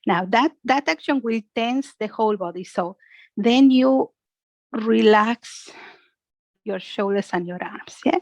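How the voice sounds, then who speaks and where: A slightly high-voiced woman takes her time in this dry recording. She's a yoga and relaxation instructor guiding a dry-sounding class through breathing and imagery, with a gentle, instructive manner and a habit of asking "yeah?".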